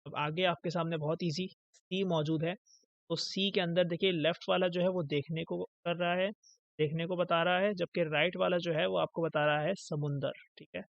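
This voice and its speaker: A man's voice: a little high, steady tone, moderate pace, creaky, dry recording. A man teaching English in a recorded lecture, explaining patiently and answering his own questions. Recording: dull lo-fi dry recording.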